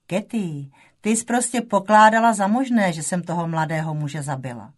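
A woman's voice: fairly low pitch, natural voice. Woman voicing a wry, proud mother. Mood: teasing.

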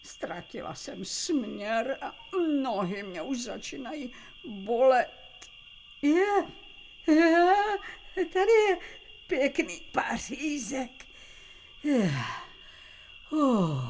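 A woman's voice: high-pitched, animated, long pauses, a little hiss or hum. A woman voicing a cheerful little girl lost in the woods, chatting to herself in a puppet radio play. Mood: chatty. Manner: chatty, talks to herself aloud.

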